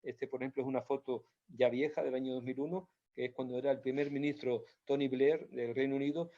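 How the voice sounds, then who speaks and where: A man speaks as a doctor giving an informal health talk, walking through slides with patient explanations. He repeats key points and hesitates often. His mid-pitched voice comes through a dull, lo-fi recording. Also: fairly even intonation, a little fast, warm tone. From Spain. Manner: explanatory, repetitive, many hesitations. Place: Canary Islands. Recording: dull lo-fi sound.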